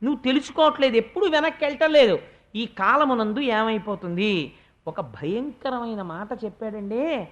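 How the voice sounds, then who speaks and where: A man's voice: very high voice, animated, normal speed, a bit bright, lo-fi sound. A man with a Telugu accent giving a devotional discourse, asking rhetorical questions and acting out everyday speech. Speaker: spiritual discourse speaker. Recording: archival discourse audio.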